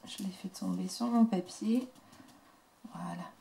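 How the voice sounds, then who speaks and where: Soft-spoken woman with a gravelly edge. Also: mid-range voice, a little slow. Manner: chatty, soft-spoken, drops into quiet murmurs while working. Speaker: craft tutorial host. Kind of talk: casual step-by-step craft demo.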